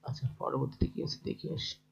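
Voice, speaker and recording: A man with a Bangladeshi Bengali accent teaching a lesson from a textbook. He explains each exercise in plain talk and checks in with his listeners. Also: fast. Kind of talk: lesson, reading through a textbook. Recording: dull lo-fi recording.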